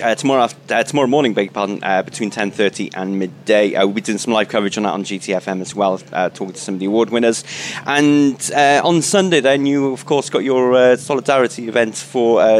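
A male local radio presenter interviewing live on location, upbeat and sometimes stumbling over phrasing. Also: on the low side. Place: on location at a museum event. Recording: faint background ambient noise.

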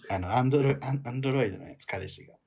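A man's voice: medium pitch, racing, gravelly, darkish tone, slight background noise. Wry, teasing man with a lilt. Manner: wry, teasing, laughs often. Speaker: podcast co-host. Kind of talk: casual chat.

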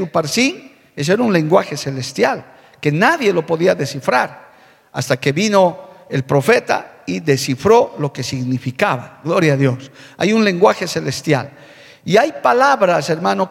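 A man preaches a fervent church sermon in a high, gravelly voice. He stretches key words slowly, then hurries through phrases. His voice rings with the long reverb of a large church hall. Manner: fervent preaching, repeats "hermano" and "alabado el nombre de Jesús". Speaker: pastor. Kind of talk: sermon with opening prayer.

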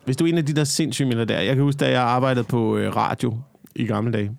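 A man's voice: mid-range voice, creaky, no room sound. A man co-hosting a podcast in casual chat, wry and sarcastic. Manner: wry, sarcastic, laughing asides. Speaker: podcast co-host.

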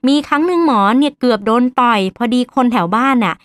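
A tired, talkative older auntie, put on by a woman telling a story, who pours out her worries in a chatty, complaining stream. The voice sits fairly high and is recorded dry and close, with no room sound. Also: lively intonation, fast talker, no room sound. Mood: weary, chatty. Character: weary older aunt caring for her husband, chatty.

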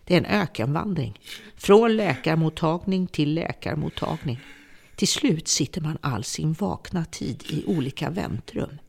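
A woman's voice: low-pitched, lively intonation, vocal fry, slightly rough, exaggerated voice. An actress playing a worn-out middle-aged woman who has become a bitter, vengeful captor, speaking in a brooding, resentful monologue. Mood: grim. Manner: bitter, brooding monologue turning to hushed menace. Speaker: embittered former home care worker holding a captive. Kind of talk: radio drama acting.

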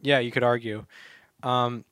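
A man's voice: medium pitch, fairly even intonation, measured pace, a bit bright, clear, resonant tone, no room sound. A man co-hosting a casual sports podcast, talking with many fillers and restarts. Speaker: podcast co-host.

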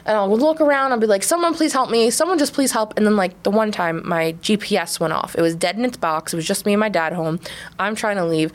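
A woman in her twenties co-hosting a podcast, telling a story in a casual, animated way, full of laughs and "like". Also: medium pitch, fast talker. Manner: animated, laughing, heavy use of "like". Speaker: podcast co-host.

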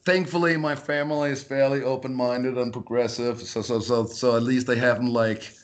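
Here a Danish podcast guest in Colorado speaks in a mid-range voice with fairly even intonation at normal speed. His casual interview talk is full of repeated words as he restarts his sentences.

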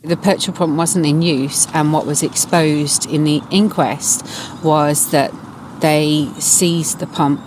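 A woman speaking as a news interviewee in halting, deliberate phrases. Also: sits low, fairly even intonation. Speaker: interviewee, bereaved mother. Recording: clear background noise, ambience.

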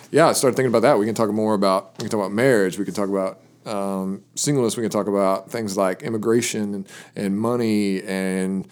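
A man who is a lead pastor, hosting a casual podcast chat in a relaxed, rambling way with frequent restarts. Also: lowish voice. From Southern Illinois.

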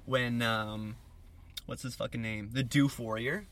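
A man co-hosting a casual film-review podcast, blunt, sweary and animated. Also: medium pitch, measured pace. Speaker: podcast co-host.

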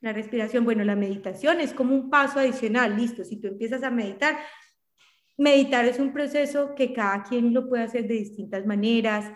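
A middle-aged woman psychologist speaks earnestly and explains step by step, often restarting her sentences. Her voice sits fairly high and carries a roomy echo. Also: fairly quick. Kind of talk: conversational interview explanation.

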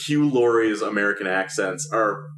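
Lower-voiced man, echoey room. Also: moderate pace, crowd noise. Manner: rambling, filler-heavy, hesitant. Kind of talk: casual chat. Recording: echoey room, faint hiss.

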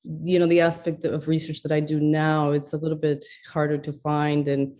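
A woman's voice: deep voice, completely flat delivery, moderate pace, warm tone. A middle-aged woman from Ecuador, a neuroscientist, speaking thoughtfully in an interview with many fillers and restarts. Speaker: neuroscientist guest.

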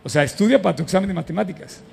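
A middle-aged man preaching a lively sermon to a live congregation, asking the crowd questions as he goes. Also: sits high, racing, vocal fry, breathy edge, long reverb tail. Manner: animated and conversational, addresses the audience with questions. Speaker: pastor.

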